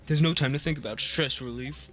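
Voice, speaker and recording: A man's voice: a little high, a little fast, music in the background, lightly acted. A man voicing an earnest, slightly anxious young male lawyer.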